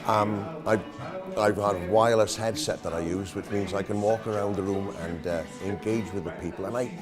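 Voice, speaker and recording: A man's voice: on the low side, fairly even intonation, normal speed, over music. A Welsh man in his fifties, an entertainer, answering interview questions in a jokey, self-deprecating way. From Wales. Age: 50s.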